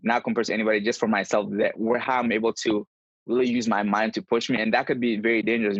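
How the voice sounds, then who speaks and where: Speaking as a podcast guest on a video call, this endurance runner shares his personal experiences in a relaxed but sincere way. His voice is fairly low, and there's no room sound, though the call audio comes through dull and lo-fi.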